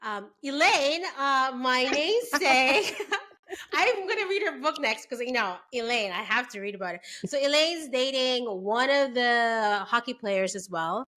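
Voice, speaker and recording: This book club podcast host, a young adult woman from Canada, has a high, animated voice with a sharp tone and speaks a bit slowly. Her casual chat is full of fillers and frequent laughter.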